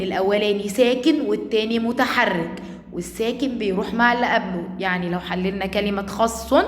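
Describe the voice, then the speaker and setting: A woman with an Egyptian Arabic accent teaches a lesson for young children at a mid pitch. She draws each word out slowly so the class can repeat after her. The room around her is echoey, with a long ringing reverb. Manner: slow, drawn-out words for children to repeat. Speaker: primary school teacher.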